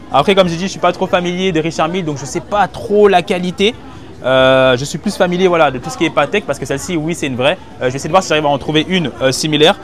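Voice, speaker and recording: This fairly high-pitched man is a vlogger shopping at busy market stalls and reviewing the goods for his viewers. He chats in casual, slangy French and thinks out loud. A hidden mic records him candidly on location, music audible behind him.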